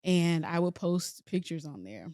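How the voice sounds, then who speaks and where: A woman from Dallas, an interior designer guest, talking in an easygoing, soft-spoken way. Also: on the low side, very animated, a little slow, dry recording, studio quality. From Dallas, Texas. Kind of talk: casual interview chat.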